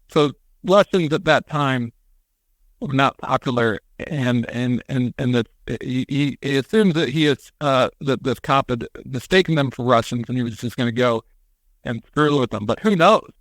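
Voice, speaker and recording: A man on a podcast, retelling a story in casual chat, animated and acting out quotes with casual swearing. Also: medium pitch, normal speed, dry recording. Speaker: podcast co-host.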